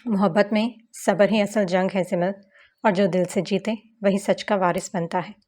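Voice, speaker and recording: A woman reading an audiobook novel, voicing a serious, gentle young man who gives calm advice. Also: medium pitch, moderate pace, lightly acted. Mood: consoling. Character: calm, wise young man comforting a friend.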